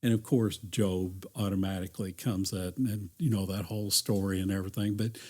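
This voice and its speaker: Male church counselor, lowish voice, reflective and earnest, podcast chat. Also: fairly even intonation, brisk, a little mellow. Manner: earnest, reflective, often restarts phrases. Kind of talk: conversational podcast talk.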